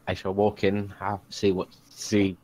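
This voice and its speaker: Low-voiced male tabletop player. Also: completely flat delivery, measured pace, a little mellow, low-quality recording. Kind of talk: casual in-character play.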